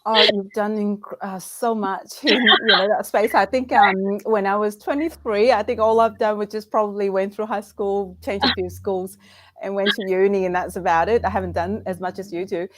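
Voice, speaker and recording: A woman's voice: mid-range voice, steady tone, moderate pace, a little hiss or hum. A middle-aged woman hosting a live online Q&A, talking with many fillers and restarts. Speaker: brand founder and host.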